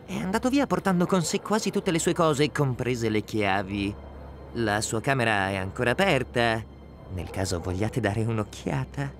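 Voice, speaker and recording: An actor dubbing a fussy, talkative boarding-house landlord in a game. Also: male voice, medium pitch, moderate pace, a little hiss or hum, close to an everyday voice. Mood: chatty. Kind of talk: Italian game dub.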